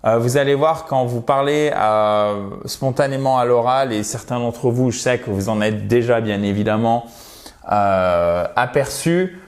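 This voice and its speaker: Male online language teacher, middle pitch, slow pace, drills pronunciation by repetition. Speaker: English teacher.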